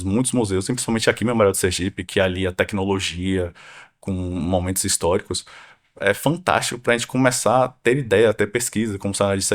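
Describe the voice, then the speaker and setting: A man with a fairly low voice talks in a relaxed podcast chat. He tells his story with energy and acts out what he thought at the time. He is a guest researcher from Salvador, Brazil. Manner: animated storytelling with acted-out quotes. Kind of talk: casual podcast conversation.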